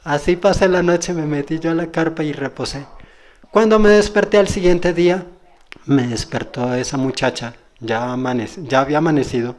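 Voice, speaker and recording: A man's voice: fairly high pitch, normal speed. Folksy man telling his story. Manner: rambling, self-correcting, folksy. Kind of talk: spoken personal testimony.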